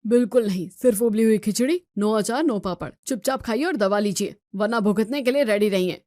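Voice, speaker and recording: A woman's voice: medium pitch, a little fast, warm tone, no echo, clean studio sound, natural voice. A woman voicing a strict male doctor who gives firm warnings. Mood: stern.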